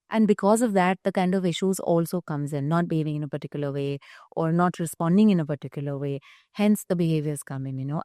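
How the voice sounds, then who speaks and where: A woman's voice: on the low side, dark tone, no echo, clean studio sound. A woman with an Indian accent giving explanatory, conversational interview answers as a psychologist, often tagging phrases with "you know". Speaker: guest psychologist.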